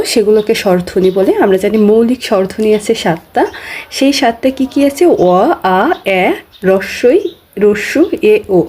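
A woman's voice: medium pitch, a little mellow. A woman with a Bangladeshi Bengali accent teaching a grammar lesson, patiently repeating key terms with frequent hesitations.

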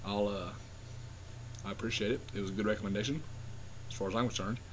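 A man casually reviewing pipe tobacco with a pipe clenched in his mouth, relaxed and rambling with fillers. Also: lowish voice, fast talker, a little hiss or hum, rough recording.

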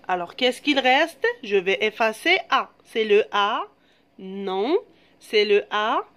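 Slow, patient woman teaching letters. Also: medium pitch, expressive, a bit bright. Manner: slow, patient, drawn-out syllables. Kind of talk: classroom phonics lesson.

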